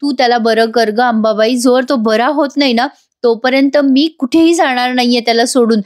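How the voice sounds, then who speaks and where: A woman's voice: on the high side, normal speed, natural voice. A woman voicing a young wife who prays desperately and emotionally for her injured husband. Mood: pleading. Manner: pleading, emotional.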